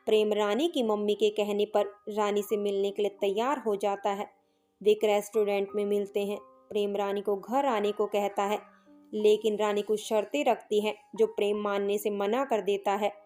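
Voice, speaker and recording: A woman narrating a family drama story in a soft, even storytelling manner. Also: mid-range voice.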